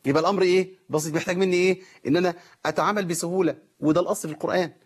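Husky, fast-talking Egyptian man teaching. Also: high voice, steady tone. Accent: Egyptian Arabic. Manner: explains with rhetorical questions, demonstrates recitation. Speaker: Quran recitation teacher. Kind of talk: tajweed lesson.

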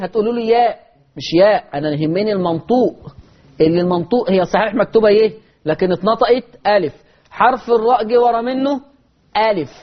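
Egyptian male recitation teacher, high-pitched, question-and-answer style, stretches sounds to demonstrate, muffled lo-fi sound. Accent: Egyptian Arabic. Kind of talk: recitation lesson.

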